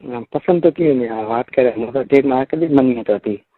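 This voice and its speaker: A man from Rajasthan, India, with a Marwari accent, chats casually on a private phone call, frequently repeating short questions and phrases. His medium-pitched, slightly rough voice moves a little fast, captured in a muffled, lo-fi phone recording.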